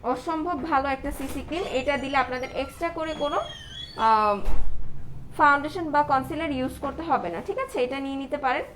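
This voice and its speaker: A woman's voice: high voice, fairly quick, a bit bright. A woman with a Bangladeshi accent hosts a casual live beauty sales chat, answering viewers and mixing in English words, her voice slightly muffled by a face mask. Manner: code-switches into English words and often adds check-in tags. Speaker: live-selling beauty product host. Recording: noticeable background noise.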